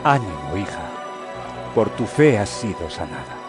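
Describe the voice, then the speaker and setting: A man playing Jesus as a calm, earnest male teacher in a dramatized audio Bible, speaking in a measured way. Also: deep voice. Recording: music bed behind voice. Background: background music.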